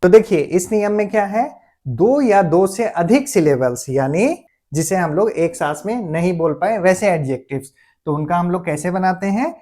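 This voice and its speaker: A man teaching a grammar lesson. He explains patiently, often slows down to dictate words one at a time, and checks in with his listeners as he goes. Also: high voice, lively intonation, dark tone. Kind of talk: classroom-style grammar lesson.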